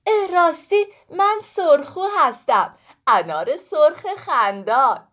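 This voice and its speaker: A woman's voice: sits high, very animated, fairly bright tone, pitched above the performer's own voice. A woman voicing a chatty, boastful talking pomegranate girl in a children's story, talking nonstop with lots of exclaiming. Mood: boastful chatter. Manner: talkative, exclaiming, whiny.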